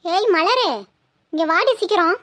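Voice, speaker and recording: A woman's voice: very high-pitched, unhurried, fairly bright tone, dry recording. A bossy old village grandmother. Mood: indignant. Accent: Tirunelveli Tamil. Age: older. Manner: scolding, commanding. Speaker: mother-in-law. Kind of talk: cartoon voice acting.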